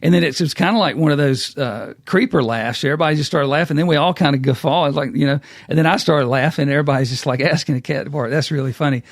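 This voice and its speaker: A man's voice: fairly high pitch, fast talker, hardly any pauses, no room sound, studio quality. A middle-aged man, hosting a casual business talk and acting out quotes as a folksy storyteller. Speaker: podcast host.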